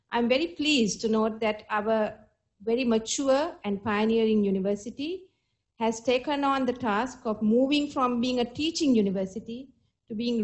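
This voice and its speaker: A middle-aged woman with a Sri Lankan accent gives a formal ceremonial speech as chief guest, in a measured manner. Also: a little high, darkish tone. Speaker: chief guest and university vice chancellor giving an address.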